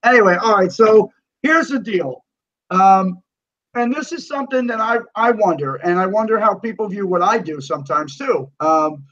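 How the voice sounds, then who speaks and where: A man co-hosting a casual podcast chat, animated and given to swearing rants. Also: high voice, normal speed. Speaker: podcast co-host. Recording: dull lo-fi sound.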